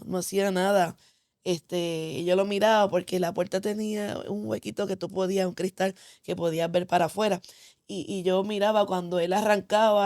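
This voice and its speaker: A woman's voice: medium pitch, darkish tone, dry recording, clean studio sound. A woman candidly telling her personal testimony, speaking with feeling and frequent "este" fillers. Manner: candid, emotional storytelling with many "este" fillers. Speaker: guest giving testimony. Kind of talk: conversational testimony.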